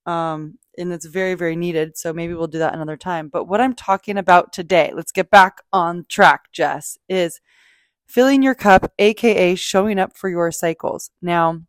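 A woman's voice: on the low side, fairly even intonation, moderate pace, few pauses, no echo. A woman hosting a podcast, talking casually and off the cuff about self-help in a gushing, emphatic, sweary way. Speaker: podcast host. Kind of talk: casual spoken self-help talk, unscripted.

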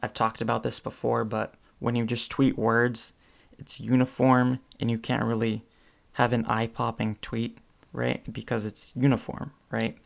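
Speaking unhurriedly in a gravelly mid-range voice with flat delivery, a young man talks on his solo podcast. He rambles casually, often saying um and starting over.

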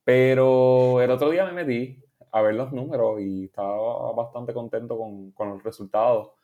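In a lo-fi recording, a young musician from Puerto Rico talks casually as an interview guest, his Puerto Rican Spanish accent clear. At a medium pitch and normal speed, he rambles in a relaxed way, frequently starting over, laughing easily, and sprinkling in English.

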